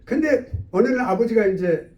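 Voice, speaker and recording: A male theology professor telling a story in an animated lecture, in an echoey room away from the mic. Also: high voice, moderate pace, far from the mic, muffled recording. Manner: animated, with acted-out dialogue.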